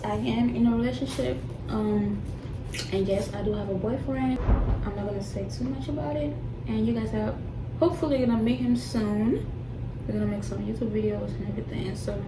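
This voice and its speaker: A woman's voice: fairly high pitch, noisy background. A young woman casually chatting to her viewers in a mukbang vlog, giggling and talking while she eats, recorded by a camera mic at a distance in a room at home. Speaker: YouTuber. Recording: roomy echo, off-mic, faint background ambience.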